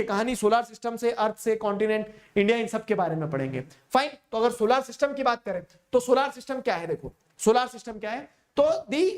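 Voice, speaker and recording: A man teaching a geography lecture in a casual, chatty way, often stopping to check that listeners follow. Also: extremely high pitch. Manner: keeps asking listeners if they follow. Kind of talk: explanatory lecture.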